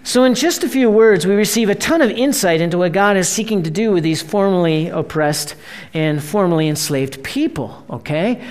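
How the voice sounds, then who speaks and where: A preacher delivering a sermon in a conversational way, often checking in with the listeners, and swinging between emphatic bursts and hushed, slowed phrases. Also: mid-range voice, lively intonation. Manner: conversational preaching, frequent "right?" check-ins.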